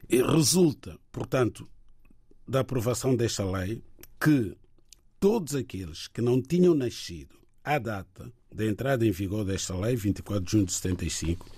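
Measured man, dark and husky. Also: medium pitch, no room sound. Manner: measured, deliberate, with frequent hesitations. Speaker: lawyer guest. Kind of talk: legal explanation on a radio program.

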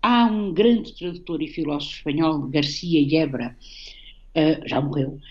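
A woman's voice: low voice, a little slow, highs cut off. A woman with a European Portuguese accent, a guest poet in a radio conversation, explaining a poem reflectively and often ending phrases with a tag question. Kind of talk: radio conversation about poetry.

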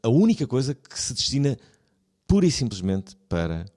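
A man's voice: mid-range voice, very animated, normal speed, warm tone. A man hosting an interview, speaking European Portuguese, hesitant with many fillers and a teasing manner. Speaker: interviewer host. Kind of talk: casual interview chat.

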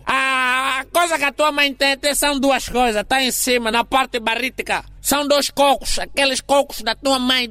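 A man's voice: extremely high pitch, pushed and bright, clear, resonant tone, no echo. A man with an Angolan accent hosting a comedy sketch, exuberant and teasing, laughing between jokes. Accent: Angolan Portuguese. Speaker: comedy host. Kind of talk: comic sketch, playful banter.

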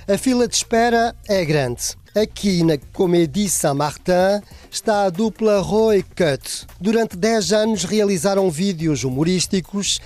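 A man's voice: high-pitched, lively intonation, unhurried, darkish tone. A man narrating a scripted feature as a reporter.

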